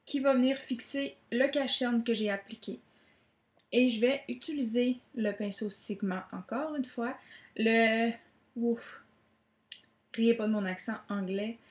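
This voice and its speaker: A woman's voice: fairly high pitch, a little mellow, reverberant. A woman gives a chatty makeup tutorial, with many "donc, euh" fillers. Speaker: beauty vlogger.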